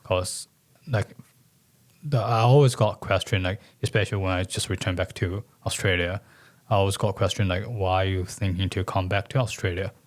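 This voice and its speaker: A low-pitched man from China talks in casual podcast chat. He sounds relaxed and explanatory, dropping "like" often as he goes. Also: normal speed. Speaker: senior accountant.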